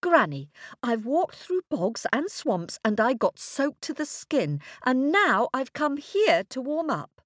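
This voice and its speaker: A woman's voice: high-pitched, very animated, takes it slowly, dry recording, studio quality, pitched above the performer's own voice, exaggerated voice. A woman voicing a polite, brave little girl asking for help. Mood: explaining. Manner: pleading.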